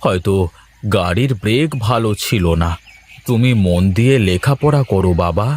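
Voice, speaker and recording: A man voicing a poor injured husband who speaks gently and apologetically in a cartoon story. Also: on the low side, lively intonation, moderate pace. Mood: weary. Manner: weary, gentle. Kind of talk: animated cartoon voice acting.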